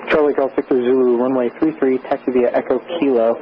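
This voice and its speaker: A man working as an airport tower controller, speaking in brisk, clipped procedural phrases over a crackly radio. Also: medium pitch, flat delivery. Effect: crackly aviation radio. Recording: muffled radio transmission with background voices.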